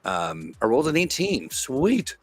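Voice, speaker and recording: A man's voice: medium pitch, huge pitch swings, a little slow, husky, no echo. A man playing a tabletop game casually, thinking aloud and feeling his way through his moves. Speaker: game player.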